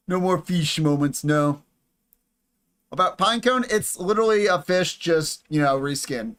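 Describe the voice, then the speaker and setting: A young man giving casual, excitable commentary over a strategy game, swearing and chatting with viewers. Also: a little high. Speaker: gaming YouTuber.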